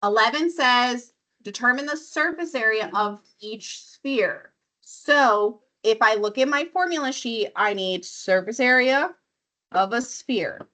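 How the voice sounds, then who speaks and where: A slightly high, pushed and bright voice belongs to a woman teaching math while sick enough to be losing her voice. She moves slowly, guiding the class through each step of the problems and testing students as she goes.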